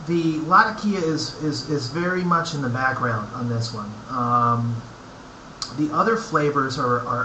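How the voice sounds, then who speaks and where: A man giving a casual, unscripted review, speaking haltingly and thoughtfully in short phrases with pauses between them. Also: a little high, sharp tone. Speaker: pipe tobacco reviewer. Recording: echoey room, clear background noise.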